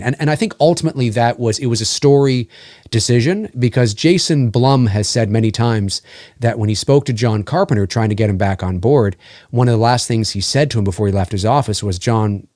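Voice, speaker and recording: A man's voice: mid-range voice, darkish tone, no echo, studio quality. A man, a voice actor guest on a podcast, talking at length in casual chat, often restarting and groping for words. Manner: talkative, gropes for words and restarts mid-thought.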